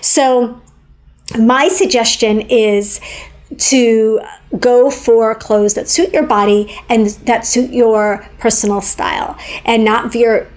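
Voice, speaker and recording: Frank chatty woman vlogger, fairly high voice. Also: steady tone, takes it slowly, darkish tone. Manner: frank, chatty, repeats words when emphatic. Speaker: fashion vlogger. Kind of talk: opinionated style advice to camera.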